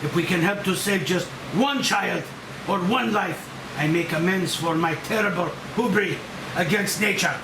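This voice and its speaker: A man plays an older Japanese scientist in a table read, sounding grave and remorseful, his voice high for a man and delivered in halting, heavy phrases. He is heard off-mic from a distance in an echoey room with clear hiss.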